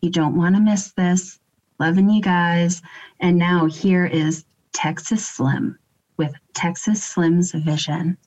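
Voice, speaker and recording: Canadian woman's lower voice, dull lo-fi recording. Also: steady tone, slow, darkish tone, a little hiss or hum. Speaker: podcast guest. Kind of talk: casual podcast chat. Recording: dull lo-fi sound.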